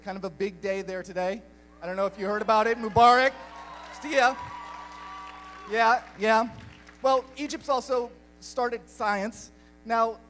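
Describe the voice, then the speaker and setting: A young man born in Belgium gives a lively, joking talk to a live audience, speaking to the crowd directly. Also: very high voice, rough recording.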